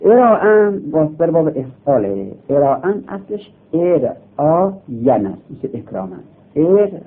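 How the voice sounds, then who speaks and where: A man with a somewhat high voice gives a grammar lesson. He talks slowly and patiently and goes over each step more than once. The sound is thin and tinny, like a phone line. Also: sing-song. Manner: slow, patient, repeating each step of the rule. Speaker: teacher.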